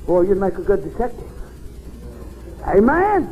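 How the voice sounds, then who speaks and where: An older man with a drawl preaches, spinning folksy stories from the pulpit. His voice sits high, and it swings between loud, ringing lines and soft asides. Faint music plays behind him. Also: big pitch swings, unhurried, narrow, tinny audio. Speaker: pastor. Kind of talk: sermon.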